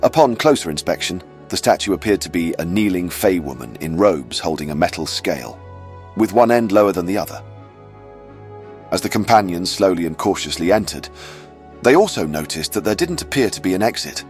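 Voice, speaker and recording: A man's voice: deep voice, sing-song, brisk, a little mellow, soft background music. A man narrating a scripted fantasy adventure recap as a storyteller given to wry, chatty asides.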